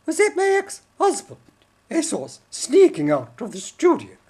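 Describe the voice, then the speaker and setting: Shrill, haughty Judy. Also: huge pitch swings, unhurried, darkish tone, slightly rough, heavily acted. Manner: indignant, haughty. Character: shrill indignant female puppet, estranged wife of Punch, prim. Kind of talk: comic mock interview in character.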